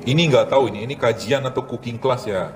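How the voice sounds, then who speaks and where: A man, a doctor, giving a casual health lecture with a live demonstration, animated and joking, asking rhetorical questions and answering them himself. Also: mid-range voice, quick pace, heavy background noise. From Indonesia. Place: event hall with audience.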